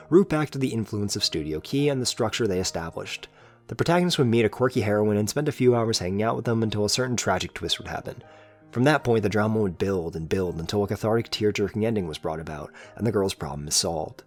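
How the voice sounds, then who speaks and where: A man narrates a scripted, analytical video essay, formal and articulate, opening his phrases with emphasis. His voice is on the low side.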